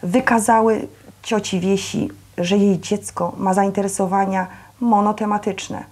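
A woman reading a novel aloud at a public reading, measured and breathy, dropping to soft asides. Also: medium pitch, level tone.

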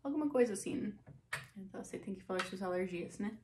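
An American woman with English as her first language, teaching English phrases in Portuguese with slow, careful, modeled delivery. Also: medium pitch, lively intonation, noisy background. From United States.

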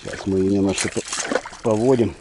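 Out on a small inflatable boat, a middle-aged man with a fairly low voice mutters calm, unhurried remarks between casts for his fishing vlog. Action cameras mounted on the boat and his chest pick him up, along with wind and splashing water.

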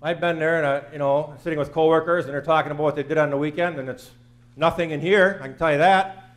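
High-voiced guy in his 50s giving a sermon, earnest, keeps repeating lines to hammer them home. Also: steady tone, quick pace, fairly bright tone. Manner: earnest, plain-spoken, repeating phrases for emphasis. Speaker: preacher. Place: small church sanctuary, in front of the altar.

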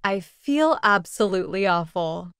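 A woman reading short English practice sentences aloud in an even, deliberate way. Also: medium pitch, clear, resonant tone, no echo, studio quality.

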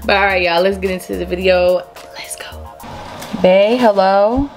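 Picture a young woman chatting straight to her viewers in a casual vlog, breezy and playful, with a teasing edge when she turns to her partner. Her pitch sits in an ordinary middle range. Clear background music plays under her voice throughout. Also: steady tone, moderate pace. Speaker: vlog host.

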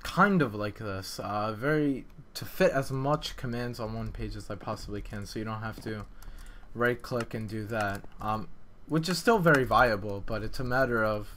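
A man who makes video game maps and videos gives casual, unscripted developer commentary in a fairly low, fairly bright voice at normal speed. His explanations are hesitant and rambling, and clicks and background noise are clearly audible.

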